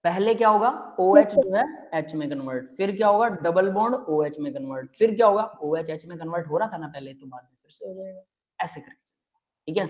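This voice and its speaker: A man's voice: sits high, expressive, brisk. Male chemistry teacher, live online lecture, step-by-step explaining, checks in with students often. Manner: explains step by step, keeps asking students if it is clear; addresses students as beta and bhai.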